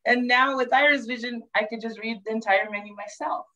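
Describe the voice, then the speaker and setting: A woman's voice: on the high side, fairly even intonation, a little fast, pushed and bright, low-quality recording. A woman hosting a casual family chat as a coach. She is upbeat, laughs often and uses many fillers. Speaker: host and coach.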